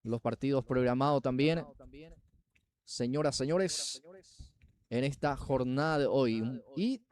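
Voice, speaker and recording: A man's voice: medium pitch, slow, darkish tone. Paraguayan man announcing live football. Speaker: football play-by-play commentator. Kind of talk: live football match commentary.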